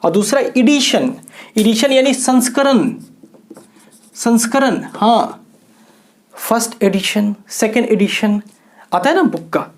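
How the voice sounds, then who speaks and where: A man's voice: sits high, expressive, slow pace, pauses often. A man from Bihar, India, giving a video lesson as an English teacher, spelling words out letter by letter and asking his viewers questions he then answers himself. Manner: asks the viewer rhetorical questions and answers them. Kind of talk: classroom-style video lecture.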